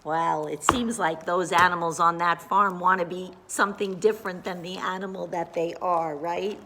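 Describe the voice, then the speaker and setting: A woman who works as a children's librarian reads a picture book aloud to young listeners, pausing playfully before each animal sound and asking them questions. Her voice is on the low side and steady, with background noise present.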